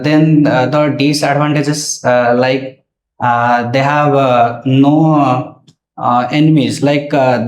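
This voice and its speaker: A man with an Indian accent answers as a candidate in a formal interview. He sounds nervous and hesitant, politely deferential, with halting delivery. The room is echoey, with faint noise behind him. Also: mid-range voice, darkish tone. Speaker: candidate in a mock civil service interview.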